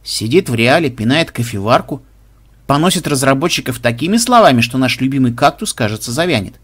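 A man's voice: mid-range voice, lively intonation, brisk, fairly bright tone, slightly rough. A man voicing a wry, joking male game tester in an audiobook, musing aloud.

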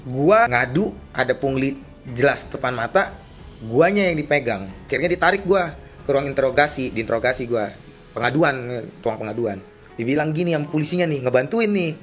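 A man's voice: mid-range voice, animated, moderate pace, soft background music. A young man telling his complaint in a casual, slangy, agitated way. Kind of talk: casual vlog-style account.

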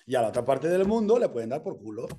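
A man with an accent from Spain, giving an energetic, casual mentoring talk full of slang and swearing. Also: mid-range voice, fast talker. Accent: Spain Spanish. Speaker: personal branding mentor.

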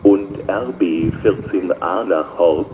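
A man working as a railway station announcer, reading flat, scripted platform announcements in a measured, formal way. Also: low-pitched. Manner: measured, formal, flat delivery in set phrases. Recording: dull lo-fi recording with loud station noise.

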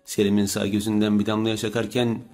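A man narrating an audiobook in a steady, measured way. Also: fairly low pitch. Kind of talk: scripted narration.

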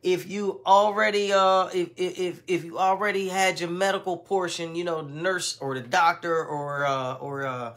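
A man's voice: sits high, steady tone, normal speed, few pauses, a bit bright. A man hosting a casual live stream, talking in a laid-back, folksy way and constantly adding "man" and "you know what I mean.". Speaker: in-home care guide and host of live stream.

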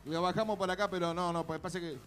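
A man's voice: high voice, steady tone, very fast, a bit bright, soft background music. A man with an Argentine accent co-hosting a live outdoor festival, bantering and teasing the crowd into a stage mic. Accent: Argentine Spanish. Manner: playful, teasing, chatty. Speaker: festival co-host.

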